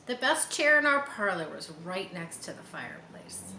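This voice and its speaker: Reading from a children's chapter book, this woman adds plain asides to help young listeners follow along. She speaks at a moderate pace in a lowish voice with big swings in pitch, and her tone is bright and forceful. There's a roomy echo and a faint hiss of background noise.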